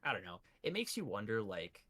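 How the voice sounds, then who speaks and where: A man's voice: lowish voice, huge pitch swings, brisk, sharp tone. A man co-hosting a podcast in casual chat, joking and swearing as he talks. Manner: profane, joking banter. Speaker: podcast co-host.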